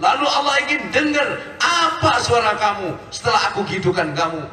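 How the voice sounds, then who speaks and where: A man's voice: very high voice, sing-song, fairly quick, pushed and bright. A man preaching a sermon to a congregation, emphatic, often firing questions at his listeners. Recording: echoey hall, distant mic.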